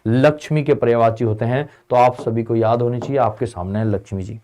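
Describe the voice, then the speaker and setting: A man's voice: medium pitch, steady tone, fairly quick, warm tone. A male teacher leading an online exam-prep lesson, casually drilling students by asking questions and answering them himself. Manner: call-and-response drilling, answering his own questions; casual, addresses students as beta and bhai. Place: Indian tutoring channel.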